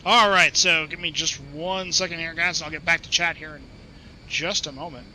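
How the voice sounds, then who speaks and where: A man casually commenting on his flight simulator session, chatting and laughing easily while reading back radio clearances. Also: fairly high pitch, fairly even intonation, normal speed, pushed and bright, slight background noise, low-quality recording. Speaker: flight sim streamer.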